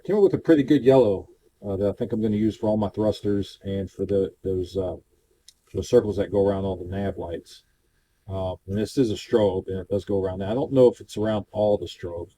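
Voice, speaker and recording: A man with a fairly low, mellow voice talks through his hobby work at an indoor workbench. He rambles in a relaxed, unhurried way, with plenty of fillers along the way. Faint room noise sits behind him. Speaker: scale model builder. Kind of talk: casual hobby tutorial narration.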